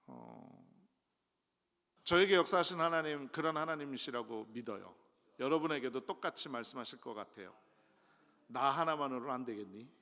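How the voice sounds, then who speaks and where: Man, middle-aged, pastor, sermon, gravelly, sharp bright tone, long church hall echo. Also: mid-range voice. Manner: conversational, self-deprecating preaching with sudden loud rises. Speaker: guest pastor. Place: church sanctuary.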